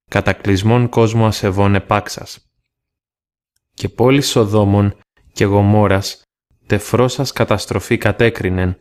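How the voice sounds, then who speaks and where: A man reading scripture aloud in a steady, measured way, pausing phrase by phrase. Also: on the low side. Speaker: scripture reader.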